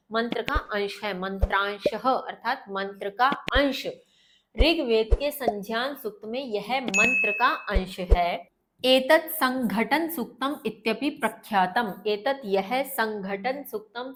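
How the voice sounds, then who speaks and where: A woman Sanskrit teacher, explaining a textbook lesson slowly, glossing each word and repeating it. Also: fairly high pitch, a bit bright.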